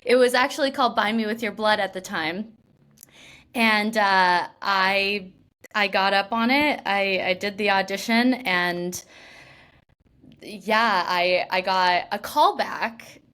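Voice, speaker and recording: Speaking slowly at a medium pitch, this young woman's voice is fairly bright and clean. She's an actress from Washington state giving a casual, laughing interview, with frequent "like" fillers and restarts.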